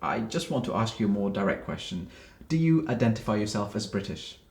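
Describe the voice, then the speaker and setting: Low-voiced male interviewer, echoey room. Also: sing-song, a little fast. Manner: direct, probing. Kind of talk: direct interview questions. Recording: roomy echo.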